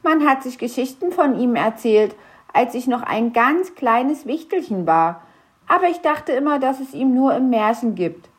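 A woman's voice: high-pitched, lively intonation, normal speed, pitched above the performer's own voice. A woman voicing a small, fretful male grump elf who stammers anxiously. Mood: puzzled.

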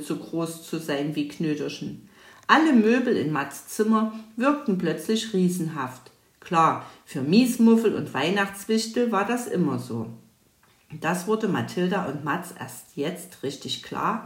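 Narrator: woman, lower voice, calm storybook reading, roomy echo.

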